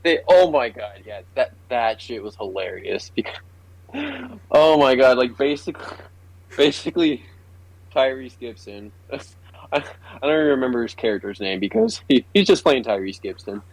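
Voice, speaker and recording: Young male podcast co-host, animated retelling, dry booth sound. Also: mid-range voice, moderate pace, vocal fry, no room sound, poor audio. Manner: excitable, swears a lot, laughs while retelling scenes. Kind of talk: casual chat.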